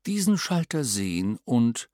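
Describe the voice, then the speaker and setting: A man reading a children's storybook aloud in an expressive, playful manner. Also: medium pitch, a little slow, no room sound, studio quality. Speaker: audiobook narrator. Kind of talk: storybook narration.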